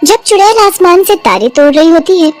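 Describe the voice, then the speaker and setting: A woman narrating a cartoon story in an expressive, lively storytelling manner. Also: very high-pitched, fairly quick, soft background music.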